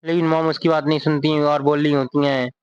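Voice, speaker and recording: A man recapping a comic story in a casual, steady running retelling. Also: on the high side, fast, a little hiss or hum. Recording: dull lo-fi recording.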